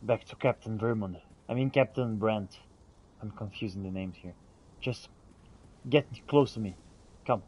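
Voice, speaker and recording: Playing a fantasy role-playing game, a man speaks in character to his companions while improvising commentary on the gameplay. His voice is lowish, dark, and husky, somewhat slow with frequent pauses.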